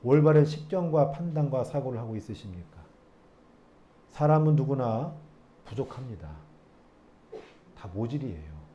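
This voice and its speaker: A male pastor delivers a prayer-meeting sermon in a church, his voice sitting at an everyday middle pitch but leaping up and down as he presses his listeners with repeated questions. He slows right down to read scripture aloud, then speeds back into lively preaching. A faint hiss of noise lies under the recording. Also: highs cut off. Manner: animated, prodding the congregation with rhetorical questions; reads scripture aloud slowly. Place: church sanctuary.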